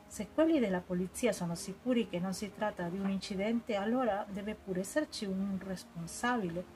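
A woman reading the part of an elderly English spinster detective, gentle and hesitant, searching for her words. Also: medium pitch, natural voice, low-quality recording. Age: older. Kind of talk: audiobook character reading.

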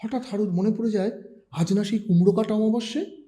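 A man reads a short story aloud in a calm, measured storytelling voice. His tone is fairly high for a man, yet mellow and soft-edged. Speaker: story reader.

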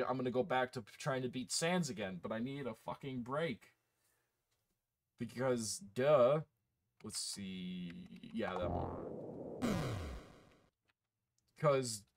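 A man's voice: medium pitch, fairly bright tone. A man casually chatting to his live chat while playing a game, swearing and laughing often. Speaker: streamer.

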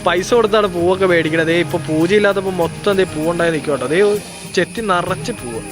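A woman's voice: on the low side, fast talker, music in the background. A woman vlogger chatting casually to her viewers during a family outing and while cooking, with a lot of fillers. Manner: chatty, addresses viewers directly, many fillers. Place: outdoors near a temple and jackfruit tree, later a home kitchen.

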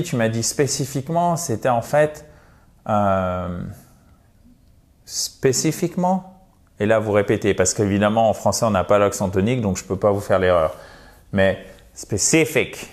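A man teaching English pronunciation in an online lesson, patient and friendly, modelling words slowly and checking in often. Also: on the low side, darkish tone.

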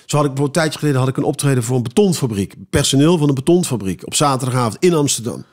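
A man who performs cabaret, telling rambling, animated anecdotes with many restarts in a casual podcast interview. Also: medium pitch, rapid-fire.

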